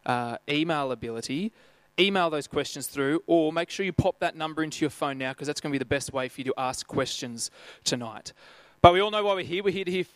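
Man, host, upbeat and welcoming, leads prayer, fairly high voice, dry close sound. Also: dry recording. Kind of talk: hosting and leading prayer.

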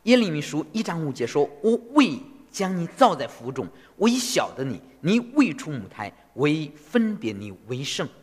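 A man interpreting a sermon phrase by phrase in an animated way. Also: a little high, normal speed, hardly any pauses, husky. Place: church hall. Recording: long reverb of a church hall.

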